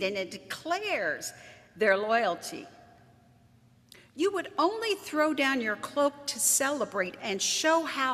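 Woman, pastor, sermon, fairly high voice, long church echo. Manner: animated, emphatic preaching with wry asides.

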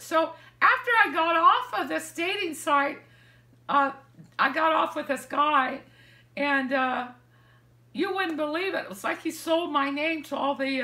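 The echoey sound of a living room surrounds an older woman seated in an armchair, who tells stories casually to camera as a vlogger sharing dating advice. She has a very high, bright voice and is animated, acting out quoted lines with hand gestures.

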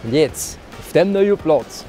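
A man's voice: fairly high pitch, lively intonation, takes it slowly, dark tone, soft background music. A man in his sixties with a Swiss German accent, hosting a restaurant test with blunt, teasing, grumbling remarks while walking around. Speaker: restaurant tester host. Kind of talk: casual on-camera chat. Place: outdoors in a mountain village, then hotel rooms.

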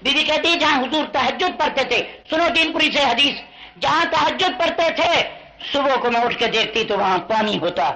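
A man preaching a fiery sermon to a crowd in a rhythmic, rhyming cadence, calling the listeners to answer him and rising into impassioned shouts. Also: very high voice, lively intonation. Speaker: Islamic preacher. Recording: dull lo-fi 1982 tape of a live gathering.

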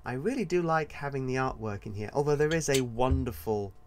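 A man's voice: mid-range voice, expressive, brisk, slight background noise. A man hosting his own podcast as an author, talking in a casual, rambling and digressive solo monologue.

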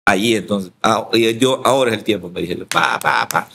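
A man's voice: lowish voice, moderate pace, vocal fry, pushed and bright, slight background noise. A man from El Salvador, a pastor, telling his story in an interview and acting out the quoted dialogue.

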